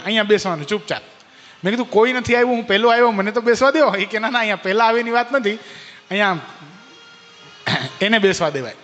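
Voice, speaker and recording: A man preaching a devotional sermon in Gujarati-accented speech. He addresses listeners by name, asks rhetorical questions, and drops to a low hush for emphasis. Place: temple hall. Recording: hall reverb with soft background music.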